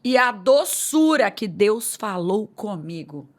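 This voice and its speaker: A woman's voice: medium pitch, sing-song, slow pace. A woman pastor telling her personal testimony in conversation, emotional and acting out the voices she quotes. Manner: emotional storyteller who acts out quoted voices.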